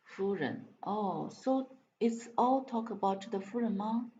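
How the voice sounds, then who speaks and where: A woman's voice: mid-range voice, expressive, takes it slowly, warm tone. A woman practising English aloud, stumbling over words and repeating them as she sounds them out, with spoken translations. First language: Chinese. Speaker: English learner reading aloud. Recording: dull lo-fi live-stream audio with faint noise.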